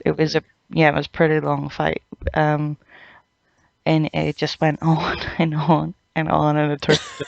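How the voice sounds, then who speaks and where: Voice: medium pitch, completely flat delivery, moderate pace, creaky, no echo. A podcast host giving a casual review of anime chapters, ranting, swearing freely and mocking characters in put-on quote voices. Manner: swears freely, many fillers. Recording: dull lo-fi dry recording.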